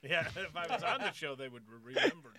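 A man's voice: fairly high pitch, very animated, fast, a crowd in the background. A man in casual joking chat, wisecracking and often laughing as he talks.

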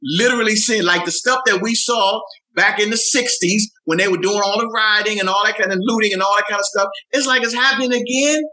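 Earnest older man, bright voice. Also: a little fast, few pauses, low-quality recording. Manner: earnest, repeats himself, rises in pitch when stirred. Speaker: youth mentor, guest. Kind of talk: heartfelt conversational interview.

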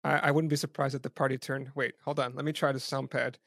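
A man's voice: mid-range voice, level tone, fast talker, gravelly, fairly bright tone, no room sound, studio quality. A man hosting a casual interview, self-deprecating and stammering on repeated words. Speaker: podcast host.

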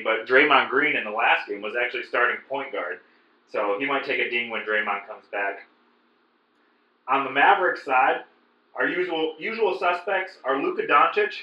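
A man's voice: on the high side, roomy sound, dull audio. A man co-hosting a fantasy sports podcast, chatting casually through his analysis of players. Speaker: fantasy basketball podcast co-host.

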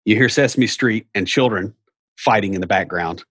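A middle-aged man with a Southern US Appalachian hillbilly accent explains things casually, in a folksy, wry way full of rambling asides. His voice is lowish, a bit bright and husky, at a normal speed. The recording is clean studio sound with no echo.

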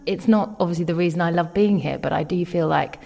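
A woman with a fairly low voice rambles through a casual chat. Her talk is chatty and full of fillers. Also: fast, vocal fry, darkish tone.

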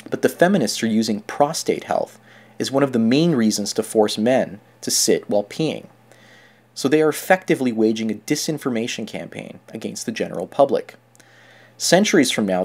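A man reads scripted opinion commentary with a sardonic, mocking edge. His voice sits at an ordinary middle pitch for a man. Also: darkish tone.

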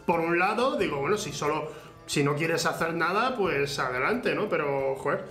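A man's voice: fairly high pitch, animated, moderate pace, fairly bright tone. A young man from Spain hosting a casual chat, hesitant, filling gaps with "eh" and restarting his sentences. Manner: hesitant, lots of eh and restarts, laughs easily. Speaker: host. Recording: echoey room with faint music.

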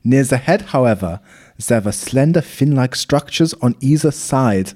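A man's voice: medium pitch, animated, measured pace, a little mellow. A man putting on a German accent to voice a German doctor dramatically recounting a serpent sighting. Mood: dramatic. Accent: put-on German. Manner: dramatic, storytelling read-aloud.

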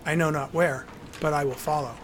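A man's voice: on the high side, fairly even intonation, fairly quick, slight background noise. A man narrating his memoir in a wry, dryly humorous way.

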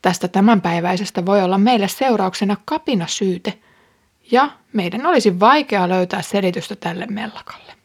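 A woman reading a firm city clerk calming a crowd. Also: mid-range voice, slightly rough.

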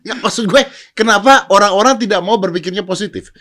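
A man's voice: high-pitched, fairly quick, bright, forceful tone. A man, debating playfully in a casual podcast chat.

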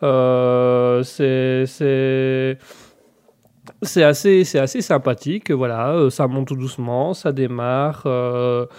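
A man's voice: medium pitch, steady tone, takes it slowly, darkish tone, clear, resonant tone. A man hosting a live web radio show, chatting playfully and rambling with self-mocking humor. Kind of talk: casual live radio chat.

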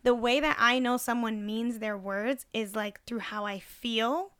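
Young woman chatting on a podcast, smooth clear voice, dry close mic. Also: a little high, measured pace, no room sound. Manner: chatty, many fillers, animated. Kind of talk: casual chat.

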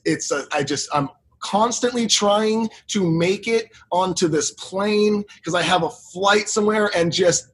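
A man co-hosting a podcast, talking loosely and swearing as he tells a story. His voice sits a little high and sounds husky. He has a casual, rambling delivery. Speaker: podcast co-host.

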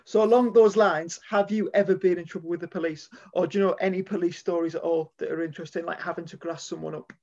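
A man on a podcast throws teasing questions at his co-host. His voice is high-pitched with a gravelly, creaky edge. The chat is loose and casual. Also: fairly even intonation, quick pace, few pauses, darkish tone, lo-fi sound.

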